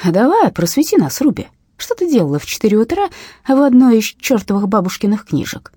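Woman doing an abusive father, shouting, swearing, sneering, husky, audiobook. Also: fairly high pitch, big pitch swings, a little fast, dry recording, studio quality, pitched above the performer's own voice. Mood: shouting angrily. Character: angry abusive working-class father, man.

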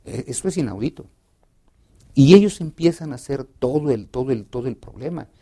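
A male pastor explaining a Bible study lesson in a lively conversational way, acting out short dialogues. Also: mid-range voice, fairly quick. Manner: expressive teacher, acts out dialogue, many restarts.

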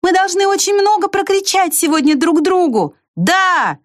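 A woman voicing a small, eager ant who shouts in a high voice. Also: expressive, moderate pace, dry recording, studio quality. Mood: shouting.

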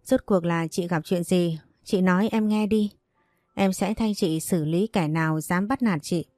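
A woman voicing a protective, excitable younger brother who presses with worried questions. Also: on the low side, unhurried, no echo, studio quality, natural voice.

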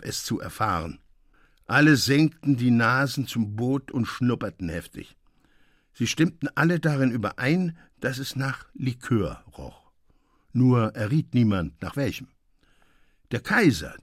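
A man narrating a classic short story as a radio reading, with lively, expressive delivery. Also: medium pitch, dry recording, studio quality.

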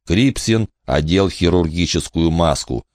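A man narrating an audiobook in a steady, tense storytelling manner. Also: low voice, a little slow, no echo, studio quality.

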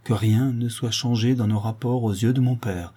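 A man's voice: fairly low pitch, expressive, moderate pace, dark tone, breathy edge. A man voicing a stern, solemn young nobleman. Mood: hushed. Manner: cold, restrained, solemn. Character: grave, stern young nobleman, a shamed son. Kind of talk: audiobook reading.

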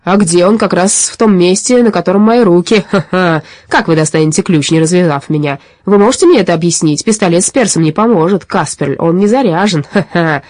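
A woman voicing a boastful, gruff male robber who mocks his captives and turns shrill and pleading when frightened, in a children's audiobook. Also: brisk, hardly any pauses, darkish tone, no echo, close to an everyday voice. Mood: mocking gruff. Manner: gruff mocking taunts, turning to shrill panicked pleading.

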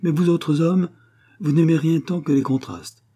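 A man's voice: a little high, steady tone, measured pace, dark tone, breathy edge, pitched above the performer's own voice. A man voicing a proud, wounded young aristocratic widow who speaks in a pleading, bitter way. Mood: bitter, wistful.

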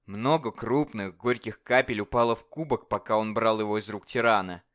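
A man narrating a literary story with a measured, expressive reading. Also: lowish voice. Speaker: audiobook narrator. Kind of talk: dramatic audiobook narration.

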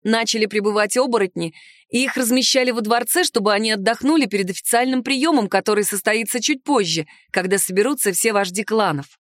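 Woman reading a first-person story, lively, high-ish voice, dry close mic. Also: fairly quick, no echo. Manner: lively storytelling, sharp-tongued heroine voice. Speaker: audiobook narrator. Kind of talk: first-person audiobook narration.

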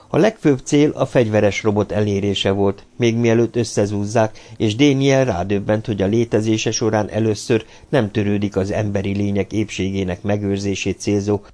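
A man narrating an audiobook in a measured, even storytelling manner. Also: fairly low pitch.

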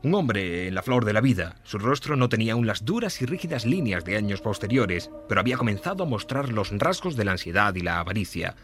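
A man narrating a classic Christmas story in a measured, storytelling way. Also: lowish voice, very animated, a bit bright, faint music behind. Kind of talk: scripted narration.

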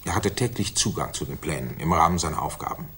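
A bass-voiced actor portrays a pompous, authoritative high-ranking official in a 1960s German radio drama, speaking formally and with deliberation. His intonation is lively and the tone a bit bright, delivered matter-of-factly over a slight hiss or hum.

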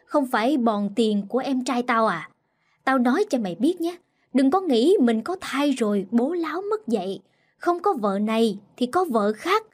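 A woman voicing a sharp-tongued, scornful sister-in-law who scolds loudly, in a storybook reading. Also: a little high. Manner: loud, mocking and scolding.

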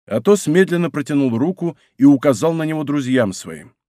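A man's voice: on the high side, expressive, a little fast, dark tone, no echo, studio quality. Man narrating an adventure novel. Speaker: audiobook narrator. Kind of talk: scripted narration.

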